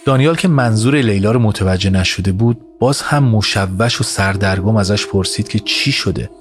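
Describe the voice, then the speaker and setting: Male narrator, low-pitched and measured, scripted story reading over a music score.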